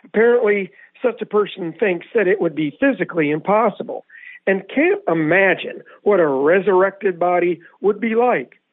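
A man with a somewhat high voice leads a radio Bible lesson, working through scripture step by step and quizzing his partner as he goes. The sound is thin and narrow like a phone line, with no room echo at all. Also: lively intonation, moderate pace. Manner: methodical, explanatory, poses questions to co-host. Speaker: Bible teacher, radio host. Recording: tinny, phone-like radio audio.

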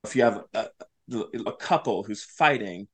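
An audio drama writer, appearing as an interview guest, reflects on craft and explains his creative thinking in an earnest, discursive, analytical way. He has a fairly low, animated voice with a breathy edge, at a moderate pace.

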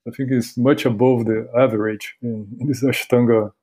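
Man, Carioca Brazilian accent, native Portuguese speaker, soft dark timbre, halting, courteous, casual interview guest. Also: mid-range voice, steady tone, husky. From Rio de Janeiro, Brazil. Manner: halting, repeats words, courteous. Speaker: podcast guest, university academic.

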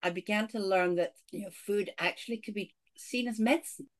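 A middle-aged woman from Scotland with a Scottish accent, a podcast guest talking in an animated way and saying "you know" a lot. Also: medium pitch, a little fast. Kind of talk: casual interview talk.

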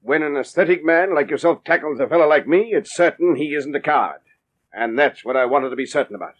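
An actor playing a blustery, skeptical police commissioner in a vintage radio drama, blunt and excitable. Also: male voice, fairly high pitch, fairly quick, close to an everyday voice. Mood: placating. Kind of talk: 1940s radio acting.

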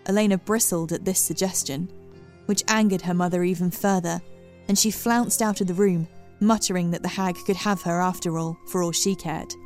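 A woman reading a dark fairy tale aloud in a measured, dramatic storytelling manner. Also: fairly low pitch. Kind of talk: scripted storybook narration. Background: faint music.

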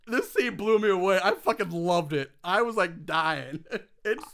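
Chatty man with a high bright voice. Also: lively intonation, unhurried, creaky. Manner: chatty, laughs often, swears casually, many fillers. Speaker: podcast co-host recapping a movie. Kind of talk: casual movie recap chat.

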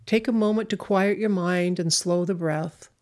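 A woman leading a guided meditation in a slow, soothing, hypnotic way, with long pauses between phrases. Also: lowish voice, fairly even intonation, darkish tone. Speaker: spiritual speaker and meditation leader.

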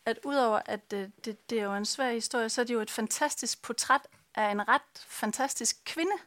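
A woman's voice: on the high side, a bit bright. A woman interviewing an author, speaking hesitantly with many filler sounds. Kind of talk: casual conversation.

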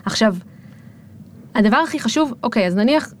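A woman's voice: on the high side, expressive. A woman guest on a podcast, talking casually and reflectively, with many fillers as she thinks aloud.

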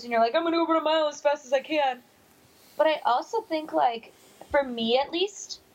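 A woman's voice: on the high side, rough recording. A woman in her late twenties co-hosting a podcast, chatting bluntly and casually, now and then swearing. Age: 20s. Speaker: podcast co-host. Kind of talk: casual chat.

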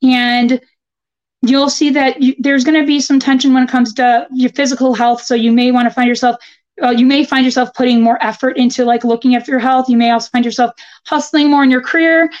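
Higher-voiced woman reading horoscopes, slightly muffled. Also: fairly even intonation, a little mellow. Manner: informal, halting, thinking aloud. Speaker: guest astrologer.

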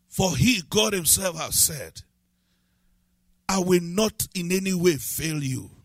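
A man preaching with a high, bright, ringing voice. His delivery has a sing-song cadence, and he builds to forceful shouted declarations. The recording is dry and close. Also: no echo. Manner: preaching with rising shouted emphasis. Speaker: pastor. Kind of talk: sermon.

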